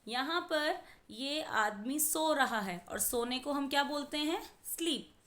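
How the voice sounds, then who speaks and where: A woman teaching a worksheet lesson to young children, gently instructive, slowly sounding out letters and blends. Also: sits high, lively intonation.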